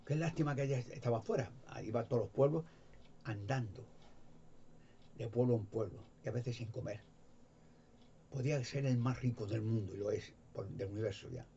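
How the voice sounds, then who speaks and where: Rambling Spaniard retelling Bible stories. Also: male voice, lowish voice, normal speed, pauses often, dark tone. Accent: Spain Spanish. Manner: rambling, repetitive, with frequent stammered restarts. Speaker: lay preacher. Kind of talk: informal Bible storytelling. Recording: slightly dull with faint background noise.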